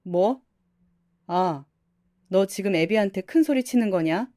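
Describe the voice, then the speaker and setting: A woman's voice: medium pitch, expressive, measured pace, warm tone, dry recording, studio quality, close to an everyday voice. A woman doing a nagging old mother-in-law. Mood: scolding. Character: indulgent, scolding older mother-in-law.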